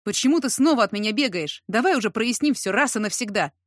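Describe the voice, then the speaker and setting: A woman voicing a brash, feverish young man who talks in a hoarse, teasing, insistent way. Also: on the high side, expressive, fast talker, no room sound, studio quality. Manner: hoarse, at times whispering.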